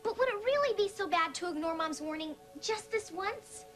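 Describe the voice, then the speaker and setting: A woman's voice: very high voice, expressive, moderate pace, fairly bright tone, faint music behind. A woman voicing a curious young girl who talks to herself and to her cat. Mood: wheedling.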